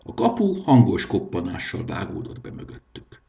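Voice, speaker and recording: A man narrating a storybook in a lively, expressive reading. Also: low-pitched, gravelly, highs cut off.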